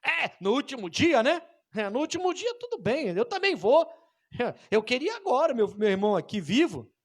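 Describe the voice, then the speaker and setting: Guy putting on a whiny worried woman, high voice, keeps pleading. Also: sing-song, normal speed, exaggerated voice. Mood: complaining. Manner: whiny, insistent, raised pitch. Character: anxious complaining woman pleading with Jesus.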